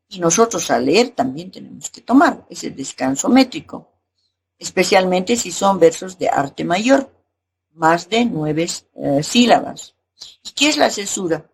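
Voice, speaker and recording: A woman teacher explaining poetry lessons, often asking a rhetorical "right?" and pausing with fillers. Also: fairly low pitch, husky. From Bolivia. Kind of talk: recorded class lesson.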